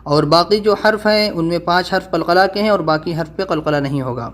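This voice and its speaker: High-voiced man teaching Quran reading. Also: a bit bright. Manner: quick explanations, slow drawn-out syllable-by-syllable spelling. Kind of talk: recorded Quran reading lesson.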